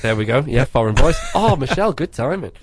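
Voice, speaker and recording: A man's voice: medium pitch, sing-song. Chatty man reviewing a film. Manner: chatty, rambling, quick to laugh. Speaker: podcast co-host. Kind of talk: casual film review chat.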